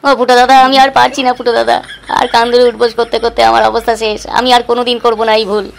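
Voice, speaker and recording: A caught market cheat, a man who begs and whines for forgiveness, as a woman voices him in a cartoon. He talks in a rapid, breathless stream. He stays close to her ordinary register. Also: on the high side, little pitch movement, vocal fry, slight background noise. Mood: pleading. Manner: pleading, whining. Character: pleading male market cheat. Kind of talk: cartoon voice acting.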